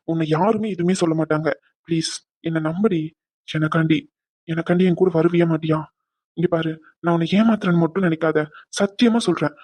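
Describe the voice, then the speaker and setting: A man voicing an apologetic young husband in a cartoon drama, talking gently and coaxing. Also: a little high, no echo, lightly acted.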